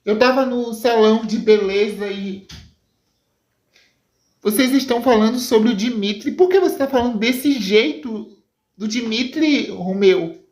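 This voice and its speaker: A woman voicing an excitable, flustered woman who exclaims and stammers in a raised voice. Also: on the high side, a little slow, roomy sound, voice pushed up, close to an everyday voice. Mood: alarmed. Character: excitable shocked grandmother type woman.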